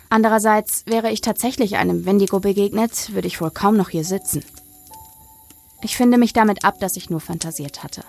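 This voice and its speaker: A woman narrating a first-person horror story in a measured, suspenseful reading. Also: mid-range voice, gravelly.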